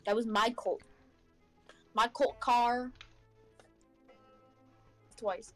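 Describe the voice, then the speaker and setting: Bossy, teasing high-voiced woman gamer. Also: fairly even intonation, very slow, faint music behind, low-quality recording. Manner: bossy and teasing, playfully dramatic. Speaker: gaming video co-host. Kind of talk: casual gaming chat.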